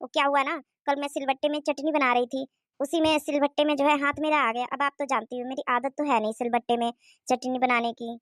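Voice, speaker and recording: Woman playing a young married daughter, grumbly and chatty, high voice, dry sound. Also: steady tone, fairly quick, fairly bright tone, no room sound. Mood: complaining. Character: young married daughter visiting her mother.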